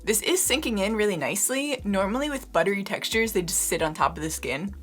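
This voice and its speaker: Slightly hoarse, chatty woman beauty vlogger. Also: mid-range voice, lively intonation, brisk, fairly bright tone, soft background music. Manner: chatty, addresses viewers as "you guys", frequent "like" fillers. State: slightly hoarse, losing her voice. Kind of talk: casual product review and demo.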